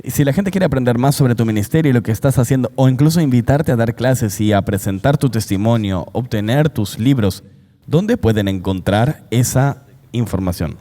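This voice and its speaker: A man's voice: medium pitch, moderate pace, dark tone, big-room sound. A man hosting an interview in an engaged, affirming way, dubbed into the language of the show. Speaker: interview host.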